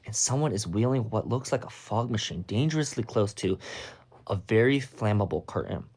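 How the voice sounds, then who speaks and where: A young man with a fairly low voice reads fanfiction aloud to his livestream, stopping every so often for a wry aside. He sounds casual and at home, talking into his phone. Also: darkish tone. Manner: breaks off to comment wryly on the text. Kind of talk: reading a story aloud with asides.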